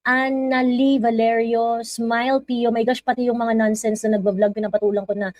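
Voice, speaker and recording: A woman's voice: on the high side, little pitch movement, normal speed, darkish tone, no echo, poor audio. A woman with a Filipino accent hosting a casual live stream, chatting and reading viewer comments aloud.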